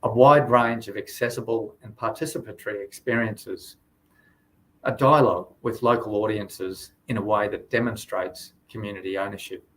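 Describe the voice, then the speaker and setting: A man delivering formal, measured prepared remarks in a webinar. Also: on the low side, steady tone, a bit bright, low-quality recording. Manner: formal, measured, read-out phrasing. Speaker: museum director speaker.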